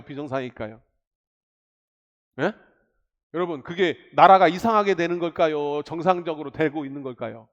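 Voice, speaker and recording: Male pastor, midweek sermon, animated, questions the congregation, high lively voice, echoey church. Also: dull audio. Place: church sanctuary.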